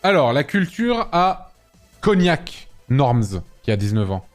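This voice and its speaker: A man in his thirties hosting a casual chat, playful and quick to protest loudly when teased. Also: fairly high pitch, sing-song, soft background music. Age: 30s. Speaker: host. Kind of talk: casual chat ranking cities.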